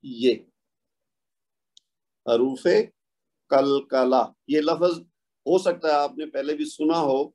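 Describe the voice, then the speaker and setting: A man's voice: mid-range voice, fairly even intonation, long pauses, a little mellow. A man teaching a recitation lesson, patiently explaining rules, asking questions and answering them himself, and sounding out examples. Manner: patient, asks and answers his own questions. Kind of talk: tajweed lesson, explaining and modeling pronunciation.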